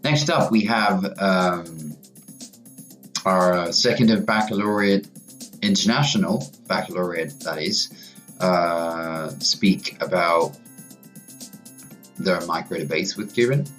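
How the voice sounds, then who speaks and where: Slow, low-voiced man hosting radio. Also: fairly bright tone, faint music behind. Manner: halting, hesitant, searching for words. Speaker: radio host and teacher. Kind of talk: unscripted radio presenting.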